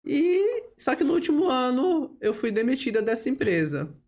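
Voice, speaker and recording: A woman, a lawyer telling her career story as a podcast guest, steady and full of tag questions and hesitation fillers. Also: sits high, normal speed. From Brazil. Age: 50s. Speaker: lawyer and bar association leader, podcast guest. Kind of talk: relaxed interview storytelling.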